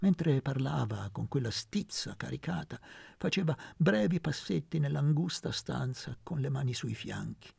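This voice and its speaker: A man reading a novel aloud as an audiobook narrator, in a measured, steady way. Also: mid-range voice, vocal fry, husky, no room sound. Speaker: audiobook reader. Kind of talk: scripted narration.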